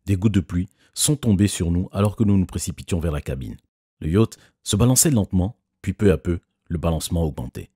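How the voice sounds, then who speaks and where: A man doing scripted first-person narration of an animated story. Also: low voice, fairly quick, husky, no echo, studio quality.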